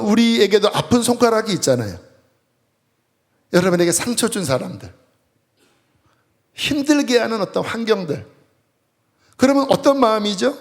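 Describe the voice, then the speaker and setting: A man's voice: high voice, creaky. A middle-aged man preaching a sermon as pastor, earnest in telling a story, then leading fervent prayer.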